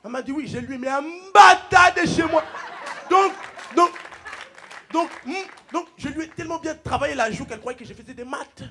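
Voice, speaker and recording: A man from the Congo doing loud, joking stand-up comedy on a TV stage, laughing through his lines. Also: extremely high pitch, a little fast, a faint crowd, slight background noise. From Democratic Republic of the Congo. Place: TV studio stage with a live audience.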